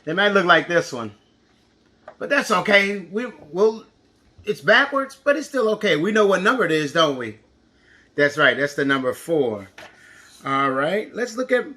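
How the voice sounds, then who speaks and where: A man's voice: high voice, bright, forceful tone. A man teaching an interactive counting lesson to young children, encouraging, with exaggerated reactions and lots of questions.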